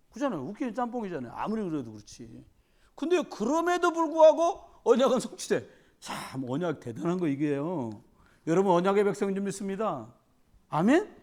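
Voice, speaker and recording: A male pastor preaching a sermon, telling Bible stories with animated acted-out dialogue. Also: sits high. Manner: animated storytelling, acting out Bible characters in dialogue.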